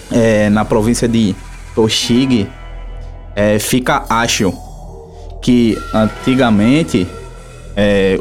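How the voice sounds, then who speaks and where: A man with a Brazilian accent hosting a casual talk show, informal and halting, repeating his words. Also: mid-range voice. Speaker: radio show host. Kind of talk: casual hosted talk about travel places. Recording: music playing behind the voice. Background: instrumental music.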